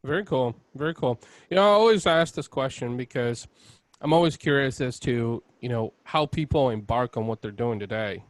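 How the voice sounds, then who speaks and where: A man's voice: mid-range voice, moderate pace, dry recording. A man from Bulgaria hosting a podcast, chatting casually and rambling with many "you know"s. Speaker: podcast host. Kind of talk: casual interview chat.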